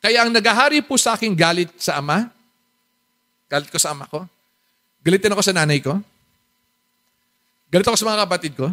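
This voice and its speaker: Animated high-voiced Filipino preacher. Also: male voice, a little fast, pauses often. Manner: animated preaching, swinging from loud bursts to soft asides; asks the congregation questions and jokes with them. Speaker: pastor. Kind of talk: Tagalog sermon mixing in English.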